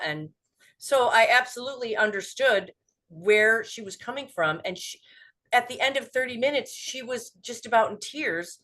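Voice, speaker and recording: A woman hosting a casual podcast chat as a dental hygienist, telling stories and acting out what people said. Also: medium pitch. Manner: animated storyteller who acts out quotes.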